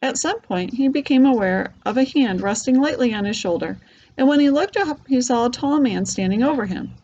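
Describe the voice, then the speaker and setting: A woman's voice: high-pitched, brisk, highs cut off, slight background noise. Woman reading a storybook aloud. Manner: lively, voicing characters lightly. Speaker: reader.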